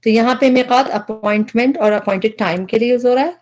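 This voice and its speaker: A woman's voice: a little high, a little mellow, lo-fi sound. A woman teaching a Quranic vocabulary lesson, explaining each word patiently and step by step, with English terms mixed into her speech.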